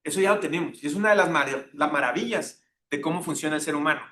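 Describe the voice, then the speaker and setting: A man's voice: fast talker, bright, forceful tone. A man giving a classroom lecture, engaging the class and checking in with tag questions. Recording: echoey classroom with faint rumble.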